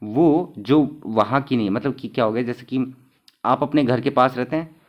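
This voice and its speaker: A man's voice: medium pitch, moderate pace, lo-fi sound. A man, teaching exam material and answering his own questions, repeating each key term as he goes.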